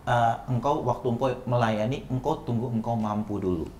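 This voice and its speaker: A man's voice: mid-range voice, normal speed, a little mellow, roomy sound, slight background noise. A man guest in a casual interview, speaking earnestly and in a preachy way.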